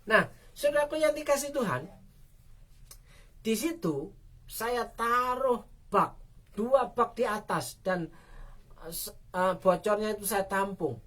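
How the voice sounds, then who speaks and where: Woman pastor, slow devotional storytelling, addresses listeners often. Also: mid-range voice, expressive, a bit bright. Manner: storytelling with frequent "saudaraku" address, cries out prayers. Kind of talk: devotional prayer sermon.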